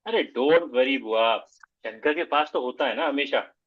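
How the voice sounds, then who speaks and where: A man acting an easygoing young nephew in a play over a video call, gently soothing his aunt. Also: mid-range voice, a little slow, dry recording, lightly acted. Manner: gentle, soothing, mixes in English. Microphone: video call audio. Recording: dry, dull muffled call audio.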